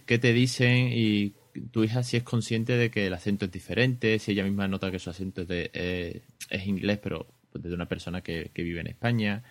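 A man hosting a parenting podcast in relaxed, rambling casual chat. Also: lowish voice, no room sound. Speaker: podcast host.

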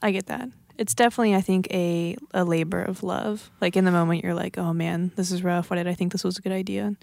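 A woman's voice: lowish voice, steady tone, fast, vocal fry, a little mellow, dry recording. A woman co-hosting a casual podcast, chatty and full of fillers. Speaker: podcast co-host. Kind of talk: casual chat.

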